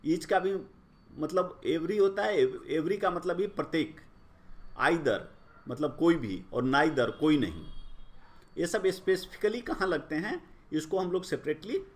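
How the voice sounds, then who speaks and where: Male grammar tutor: measured, unhurried delivery, pitch swinging widely for emphasis. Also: expressive. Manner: slow, deliberate, rising and falling emphasis. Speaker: grammar teacher. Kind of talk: explanatory lecture.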